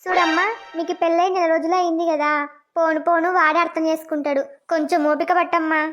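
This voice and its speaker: A woman's voice: very high-pitched, little pitch movement, quick pace, fairly bright tone, dull audio, faint music behind. Woman voicing a kindly village mother-in-law. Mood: soothing.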